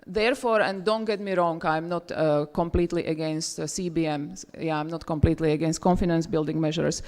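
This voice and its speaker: A woman from Czechoslovakia speaking English at a roundtable discussion, pausing often with fillers and restarting her sentences. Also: deep voice, steady tone, darkish tone. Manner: hesitant, many fillers and restarts. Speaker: roundtable panelist. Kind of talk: conference panel remarks. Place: university seminar room.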